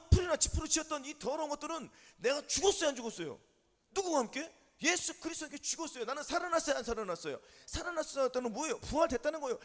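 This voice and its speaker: A male pastor preaches in a very high, lively voice that leaps up and down in pitch. He talks quickly and emphatically, repeating himself and pressing his listeners with rapid yes-or-no questions and calls of amen. The sound carries a long reverb from a church hall. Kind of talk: sermon.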